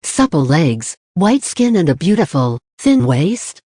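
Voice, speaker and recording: A reader voicing a cheeky young male disciple who needles an old man with teasing questions, in a dark, dry audiobook reading. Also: medium pitch, big pitch swings, a little slow, breathy edge, no room sound.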